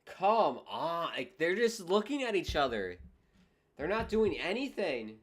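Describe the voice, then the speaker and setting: A man's voice: a little high, very animated, measured pace. A man hosting a livestream, giving casual, wry and exasperated reactions to a boxing match as it plays. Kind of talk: casual live commentary.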